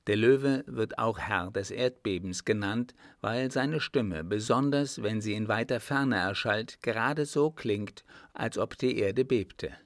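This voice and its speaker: A male audiobook narrator tells an adventure tale in a calm, even way. His voice is low, and the recording is close and dry. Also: measured pace, hardly any pauses, no echo.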